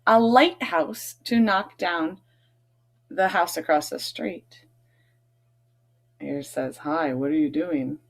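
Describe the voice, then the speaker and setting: Speaking slowly with long pauses, a deep-voiced woman reads a picture book aloud to kids, emphasizing important words and chatting with questions in between. She could be a teacher or a read-aloud host.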